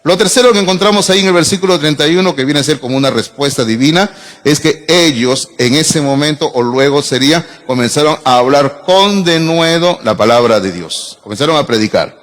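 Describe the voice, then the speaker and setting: Pastor preaching in a reverberant church. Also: male voice, on the high side, brisk, fairly bright tone. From Peru. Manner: conversational preaching with asides and audience questions. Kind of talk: sermon. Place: church sanctuary.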